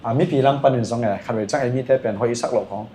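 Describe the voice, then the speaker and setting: A mellow, medium-pitched man chats on a podcast as a guest, rattling off rambling stories riddled with fillers at a quick pace and with fairly even intonation. The room is echoey, and a faint hum runs underneath.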